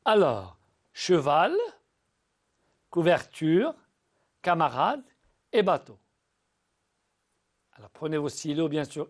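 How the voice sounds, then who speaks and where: In a recorded school lesson, a male teacher with a high, slightly mellow voice speaks patiently to his pupils. He spells out syllables slowly and often repeats or restarts words.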